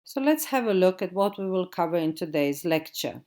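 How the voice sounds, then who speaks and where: In this audio-only recording, a digital marketing trainer from Croatia lectures at a steady pace. The middle-aged woman has a slightly low voice and a Croatian accent, and she slows down to spell out web addresses.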